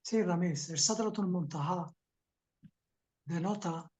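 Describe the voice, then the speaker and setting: A man's voice: high voice, slow pace, a little mellow. Male caller on a weak, cutting-out video line, faint and far from the mic, brief explanatory tone. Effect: faint, weak call audio that fades and drops out. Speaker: meeting participant on a video call. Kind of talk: casual group discussion. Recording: faint distant video-call audio.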